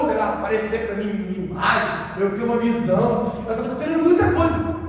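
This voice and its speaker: High-voiced preacher in a distant echoey hall. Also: male voice, a little mellow, a little hiss or hum. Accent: Brazilian Portuguese. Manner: emotional storytelling, conversational slang. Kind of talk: sermon testimony.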